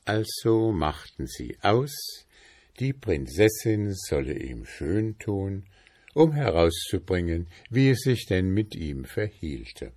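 Slow, low-voiced male storyteller. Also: sing-song, darkish tone. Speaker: narrator. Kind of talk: fairy tale reading.

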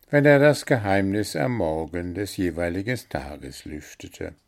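A man reads a children's story aloud in a calm narrating voice. He speaks slowly with a gravelly, creaky texture. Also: sits low.

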